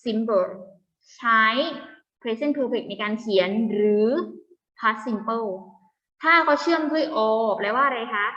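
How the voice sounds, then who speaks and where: A Thai woman teaching an online English lesson to young pupils, patiently asking check questions and slowly repeating English words with a Thai accent. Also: on the high side, fairly bright tone, muffled recording. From Thailand. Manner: patient, asks students frequent check questions. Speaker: primary school English teacher.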